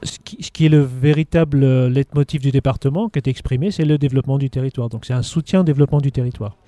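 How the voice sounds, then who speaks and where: A man's voice: medium pitch, steady tone, fast, mellow, dry recording. A middle-aged man from Haute-Savoie, a local official answering interview questions in a hesitant way with many restarts. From Haute-Savoie, France. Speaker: local government official managing outdoor sites.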